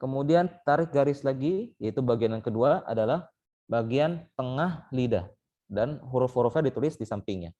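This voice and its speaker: A man's voice: medium pitch, lively intonation, normal speed, warm tone, muffled recording. A young man teaching tajwid in an online class over a call mic, explaining step by step with frequent "eh" and "baik". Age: young adult. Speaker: Quran recitation teacher.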